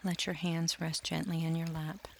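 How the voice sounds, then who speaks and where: A man leading a scripted guided meditation, talking slowly and softly and drifting into near-whispers, with faint trickling water behind him. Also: a little high, flat delivery, creaky, slight background noise. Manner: slow, soft and soothing, drifting into near-whispers.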